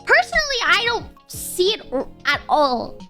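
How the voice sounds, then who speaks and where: A young adult woman with a nasal, girlish voice, chatting casually and excitably to livestream viewers in a cute anime-streamer manner. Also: very high-pitched, moderate pace, soft background music. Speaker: VTuber livestreamer.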